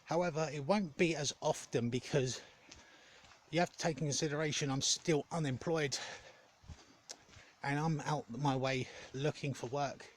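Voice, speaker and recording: A man giving a casual, rambling vlog update in a hesitant, halting way, often correcting himself. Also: on the high side, fairly even intonation. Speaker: gaming content creator.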